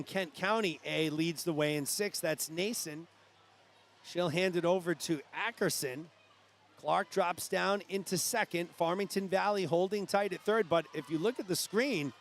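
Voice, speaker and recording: High-voiced New England swim commentator. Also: male voice, slight background noise. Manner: brisk play-by-play, rising to shouts at finishes. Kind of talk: live sports commentary.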